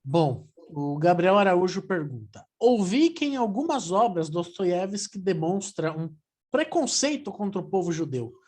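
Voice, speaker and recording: A woman hosting an online talk, reading audience questions aloud in a brisk, organized way over a video call. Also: lowish voice, sing-song, a little mellow. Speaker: host and moderator. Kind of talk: moderating online Q&A.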